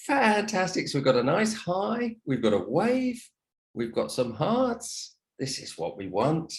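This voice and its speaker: A man leads an English class over a video call, courteous and supportive, with plenty of thanks for his students. His voice sits a little high, swings hugely in pitch, and moves at a slightly slow pace.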